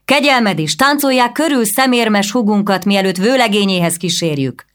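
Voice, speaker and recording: A woman voicing a brash young male prince in an audiobook, calling out loud proclamations. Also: mid-range voice, pitched above the performer's own voice, natural voice. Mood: commanding. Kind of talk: audiobook reading.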